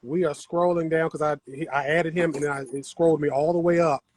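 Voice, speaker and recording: His voice is on the high side and a little mellow, with a steady tone and a slightly fast pace, recorded with no echo. The man chats with his audience on a casual gardening stream while working patio soil.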